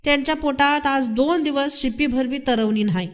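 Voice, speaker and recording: A woman's voice: sits high, normal speed, voice pushed up, close to an everyday voice. A woman reading aloud and voicing a poor, starving village father who pleads desperately. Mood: pleading.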